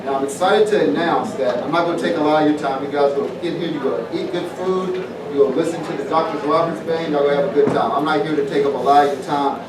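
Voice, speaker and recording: With a fairly high pitch and few pauses, the middle-aged man from southwest Virginia rattles off his festival announcement quickly. The ex-pro football player speaks plainly and folksily to an evening community crowd, repeating phrases, on a roomy, distant recording full of event noise.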